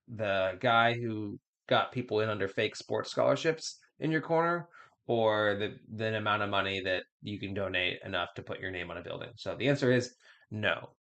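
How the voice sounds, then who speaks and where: A man's voice: fairly low pitch, a bit bright. A man hosting a podcast, giving candid, blunt advice in a casual chatty way, often repeating words as he restarts. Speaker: podcast host.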